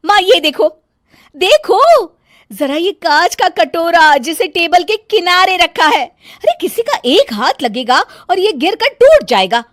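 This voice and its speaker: A woman voicing a bossy, fault-finding young wife in a cartoon, shrill and scolding. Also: big pitch swings, slow pace, a bit bright, dry recording, studio quality, exaggerated voice.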